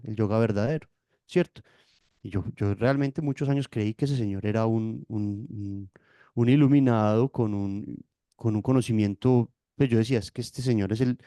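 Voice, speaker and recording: Warm-voiced man explaining yoga history. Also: medium pitch, no room sound, studio quality. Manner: lecturing, checks in with tag questions. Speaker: yoga teacher, guest. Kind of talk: explanatory interview talk.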